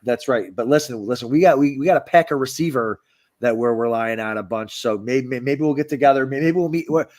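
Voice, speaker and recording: A man co-hosting a fantasy football podcast in casual banter, excitable and often stammering and repeating words. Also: mid-range voice, fairly quick.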